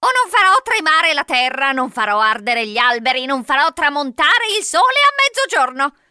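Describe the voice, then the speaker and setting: A woman voicing a boastful old woman who claims magic powers, in a storybook reading, with a shrill, coaxing and threatening manner. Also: big pitch swings, a little slow, bright, forceful tone, no echo, studio quality, exaggerated voice. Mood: shouting, threatening.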